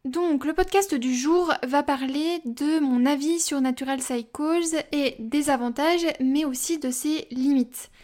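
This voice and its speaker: A woman's voice: high-pitched, a little slow, few pauses, darkish tone. A young woman hosting a podcast, talking casually and personally with many fillers and asides. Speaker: podcast host.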